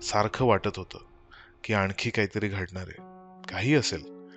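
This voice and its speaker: A man narrating a horror story as an audiobook reader, with slow, measured storytelling. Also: fairly low pitch, a bit bright, soft background music.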